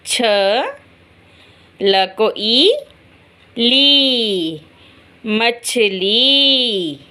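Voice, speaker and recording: A woman's voice: on the high side, pushed and bright. A woman teaching young children to read, sounding out each letter and vowel sign and then repeating the whole word. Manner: addresses the children directly and checks understanding. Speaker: primary school Hindi teacher. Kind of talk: slow syllable-by-syllable reading lesson for children.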